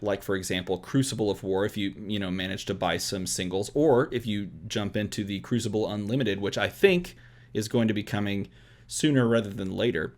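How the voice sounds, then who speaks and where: A man hosting a trading card game video, rambling excitedly to his viewers in an overexcited babble, with emphatic repeated questions. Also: lowish voice.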